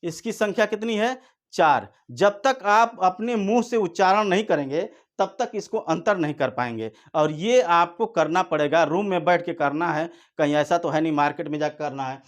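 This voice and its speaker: A man teaching an exam-prep lesson, explaining slowly and repeating points, drawing out vowel sounds to demonstrate them. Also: a little high. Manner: slow, repetitive explaining, drawn-out vowel demonstrations.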